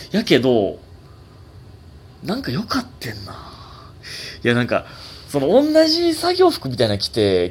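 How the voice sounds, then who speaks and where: A man's voice: on the low side, slight background noise. A man in his twenties with a Kansai accent, hosting a casual solo talk show and reading letters in a rambling, filler-heavy way. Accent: Kansai Japanese. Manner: rambling, chatty, many fillers, swings up in excitement. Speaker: podcast host.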